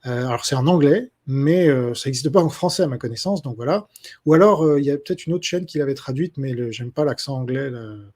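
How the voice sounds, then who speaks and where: A man's voice: mid-range voice, brisk, darkish tone. A man answering his subscribers' questions in a casual spoken monologue, hesitant and full of fillers and restarts.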